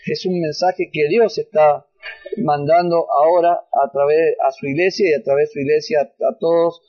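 A man with a high voice preaching a sermon to his congregation. He lifts his voice higher and louder when he reads the verses, with frequent restarts. The sound is dull and lo-fi. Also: steady tone, normal speed, breathy edge. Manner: rises in pitch and volume when reading scripture, many restarts.

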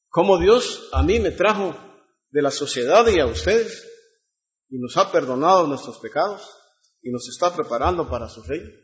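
A man's voice: a little high, lo-fi sound. A man preaching a sermon, reading scripture and asking the congregation rhetorical questions.

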